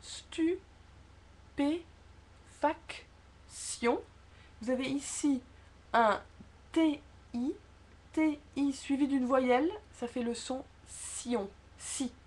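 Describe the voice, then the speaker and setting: Woman teaching pronunciation, kinda high voice, super slow and careful, repeats stuff for emphasis. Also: fairly even intonation, darkish tone, husky. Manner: slow, careful syllable-by-syllable explanation; emphatic stress on key words, repeats for emphasis. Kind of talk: spoken language lesson.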